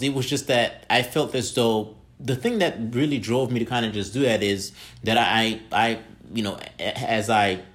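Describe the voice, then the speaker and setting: Middle-aged man from Haiti, quick and lowish, formal, leans on stock phrases in interview answers. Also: a bit bright. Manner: formal, repeats "that specific" and "kinda just". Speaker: entrepreneur guest.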